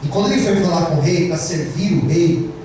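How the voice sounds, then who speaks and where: A man's voice: a little high, fairly quick, dark tone, slight background noise. A Brazilian man preaching a sermon as pastor, emphatic and calling the congregation to say amen. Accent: Brazilian Portuguese. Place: church. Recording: very echoey church hall, distant mic.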